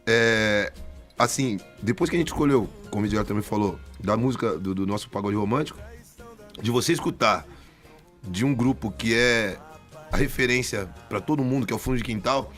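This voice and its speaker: A man's voice: lowish voice, fairly quick, soft background music. A man, a band's singer as an interview guest, telling stories chattily with frequent restarts. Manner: chatty, animated anecdotes with many restarts. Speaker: band vocalist, guest. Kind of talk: casual storytelling interview.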